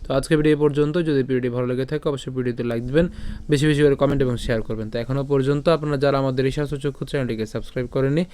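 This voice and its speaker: A man with a Bengali accent teaching scripture pronunciation, breaking verses into syllables, asking rhetorical questions and chanting lines slowly. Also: mid-range voice, steady tone, a little mellow, slight background noise. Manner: patient, repeats syllables and asks rhetorical questions.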